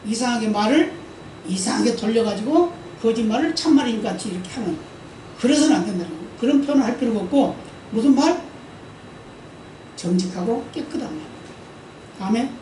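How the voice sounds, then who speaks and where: A woman's voice: a little high, expressive, brisk, pauses often, warm tone, recorded from a distance, a little hiss or hum. A woman pastor giving a conversational sermon. She often asks the congregation for an amen and acts out the quoted speech in her stories. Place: church sanctuary during service. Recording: roomy church hall, voice from afar.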